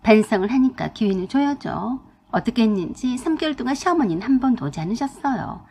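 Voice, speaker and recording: A woman narrating a first-person marital story as a radio drama, in a sharp, assertive way. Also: a little high, lively intonation, brisk. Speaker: storyteller reading a listener's story.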